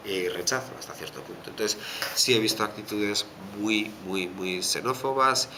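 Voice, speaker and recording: A man from the Basque Country with a Basque Spanish accent, answering interview questions thoughtfully with many pauses and fillers. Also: on the low side, pushed and bright. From Basque Country, Spain. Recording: background noise.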